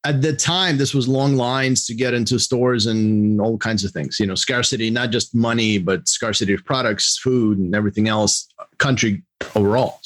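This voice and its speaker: Middle-aged Russia-born guest; halting, self-correcting, with animated spikes; mid-pitched. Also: male voice. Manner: halting, restarts, animated bursts. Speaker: podcast guest, executive coach. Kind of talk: casual interview answers.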